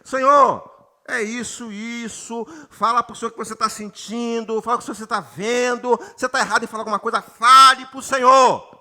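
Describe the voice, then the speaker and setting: Brazilian male pastor mid-sermon; high, very bright voice, slow emphatic scripture reading, keeps checking in with the congregation. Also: little pitch movement. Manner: preaches with rising emphasis, addresses the congregation often; reads scripture slowly and has the congregation repeat words. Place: church retreat gathering.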